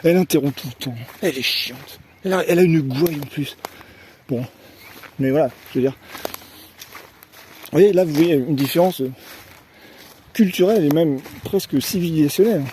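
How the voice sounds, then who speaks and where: A man with a slightly raised but mellow, warm voice speaks his mind in a loose vlog monologue. He keeps stalling on fillers and little tag questions, repeating words as he hunts for what to say next. Faint country sounds and animals drift in from outdoors. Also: fairly high pitch, moderate pace, pauses often, slight background noise. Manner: repeats words while searching for phrasing. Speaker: vlogger. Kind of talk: casual opinion monologue.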